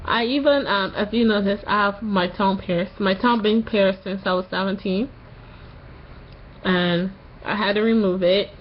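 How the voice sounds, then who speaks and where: Woman, late twenties, casual vlog update, tired after throat surgery, halting, medium pitch, dull audio with faint background noise. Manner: slow, halting delivery with long pauses. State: recovering from tonsil surgery that morning; a little tired. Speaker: vlogger.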